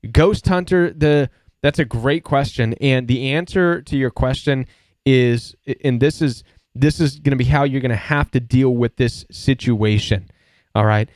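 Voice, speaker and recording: A man's voice: medium pitch, measured pace, a little mellow, no echo, clean studio sound. A man hosting a live support show, answering viewer questions in an earnest, emphatic way and repeating his key points.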